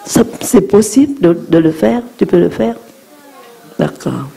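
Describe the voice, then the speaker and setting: A woman interpreting a dharma talk for children in a gentle manner, guiding them through breathing exercises. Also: fairly low pitch, animated, unhurried, vocal fry, slight background noise.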